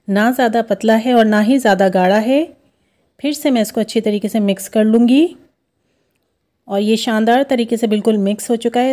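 A woman hosting a home cooking video, explaining each step of a recipe in a steady, instructive way. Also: fairly high pitch. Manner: steady, instructive, repeats steps. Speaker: cooking show host. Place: home kitchen.

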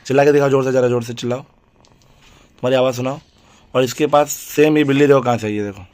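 A man's voice: medium pitch, steady tone, brisk, a little mellow. A man hosting a casual family vlog, chatty and coaxing a pet cat. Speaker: vlogger.

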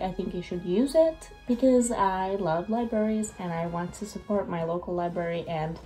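Recorded on a webcam in a small room, this low-quality clip features a book vlogger, a young woman whose first language is Finnish. Her medium-pitched voice is a bit lower than normal because she's slightly under the weather, yet she stays animated, chatty and self-deprecating in her casual reading vlog.

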